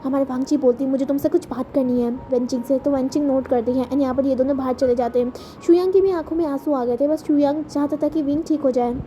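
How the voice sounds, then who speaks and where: A woman with a high voice and a dark, mellow tone narrates a fan-fiction story in a loose, chatty way. She repeats herself and corrects slips as she goes. A faint hiss sits under the recording. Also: fairly even intonation, quick pace. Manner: chatty, repetitive, self-correcting. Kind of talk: casual fan-fiction retelling.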